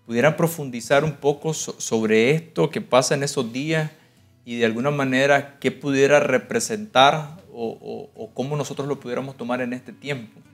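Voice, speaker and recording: A man's voice: medium pitch, normal speed. A man with a Nicaraguan Spanish accent, the host of a TV program, asking the pastor a polite question. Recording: faint music behind.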